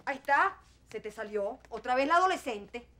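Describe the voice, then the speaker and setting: A woman's voice: a little high, normal speed, fairly bright tone, natural voice. An actress with a Venezuelan accent playing a hurt, proud middle-aged mother who turns cutting and sarcastic toward her daughter in a telenovela. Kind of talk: telenovela acting.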